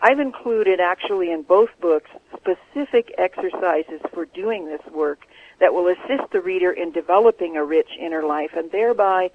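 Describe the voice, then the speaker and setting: A man, an author, answering interview questions in an earnest, measured way over the phone. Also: high-pitched. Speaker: author guest. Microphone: telephone. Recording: tinny phone line.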